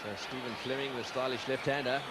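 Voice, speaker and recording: A man's voice: medium pitch, flat delivery, a little fast. A man giving live cricket commentary as a broadcast commentator. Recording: loud stadium crowd noise behind voice. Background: loud cricket crowd.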